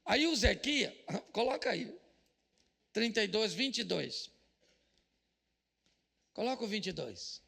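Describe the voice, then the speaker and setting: A man with a Brazilian Portuguese accent, a pastor giving a comedic sermon at a business event, joking loudly and mimicking people praying. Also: high-pitched, sing-song, slow pace, vocal fry, pauses often, in a large hall.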